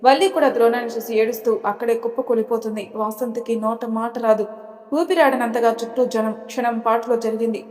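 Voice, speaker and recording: A woman storyteller with a fairly high voice narrates a serial drama episode in a steady, dramatic manner. A long reverb trails behind her voice. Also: fairly quick.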